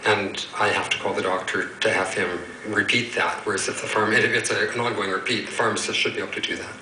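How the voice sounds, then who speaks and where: A man answering a news interview informally and haltingly. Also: on the low side, flat delivery, bright, forceful tone. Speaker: member of the public. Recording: echoey, distant sound with faint noise.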